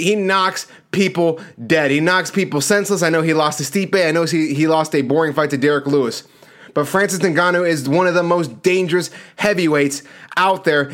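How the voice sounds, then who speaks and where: A man's voice: on the high side, fairly bright tone. A man hosting a sports show, giving casual fight predictions in an emphatic, slangy, conversational way.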